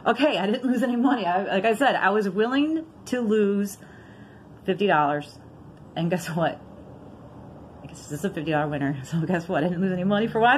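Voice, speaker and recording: Giggly excitable woman chatting. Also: mid-range voice, slight background noise. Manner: thinks aloud while reading out numbers. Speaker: vlogger scratching lottery tickets. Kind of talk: casual chatty commentary.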